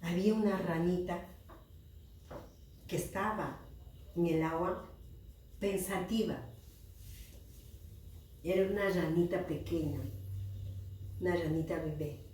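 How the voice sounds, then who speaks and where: A woman teaches children at a church, telling a story in a slow, sing-song way and stopping to ask them questions. Her voice is a little low. She sounds far from the mic, in a very echoey room. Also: fairly even intonation, mellow.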